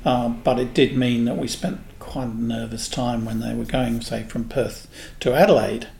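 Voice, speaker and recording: A man in his sixties from England, a guest in an interview, telling unhurried stories about his past. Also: mid-range voice, steady tone, creaky, a little mellow. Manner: unhurried, anecdotal storyteller. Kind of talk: reminiscing in a casual interview. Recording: echoey room with faint noise.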